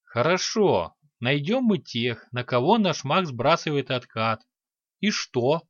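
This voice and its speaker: A man's voice: medium pitch, big pitch swings, takes it slowly, a bit bright, dry recording, dull audio, exaggerated voice. A man voicing a skeptical, haughty male elf in an audiobook.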